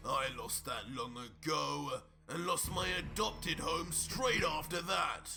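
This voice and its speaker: A man's voice: a little high, slow pace, vocal fry. A man voicing a cocky, sarcastic adult fusion warrior in a fan-made story video, with music playing behind. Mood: scornful. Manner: mocking, sneering, scornful laughs. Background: background music from the played video.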